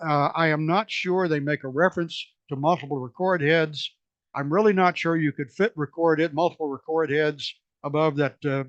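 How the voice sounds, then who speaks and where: Hoarse and losing his voice, a man gives a technical slide talk at a museum society meeting in a meeting room, halting often with fillers and restarts. His voice is a little high, and the dry recording has its highs cut off.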